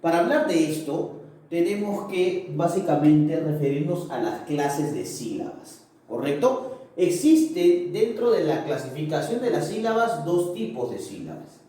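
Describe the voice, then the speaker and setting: In a recorded video lesson, a male language teacher explains the material in a warm, slightly high voice with big pitch swings and a measured pace, constantly checking understanding with tag questions like "¿correcto?". The mic is far off in a very echoey room.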